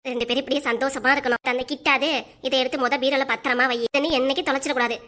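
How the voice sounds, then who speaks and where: A doting, bossy old mother-in-law in a family cartoon, as a woman puts her on. She talks fast and emphatically in a bright, high voice, with a southern Tamil accent. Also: steady tone. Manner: emphatic and talkative.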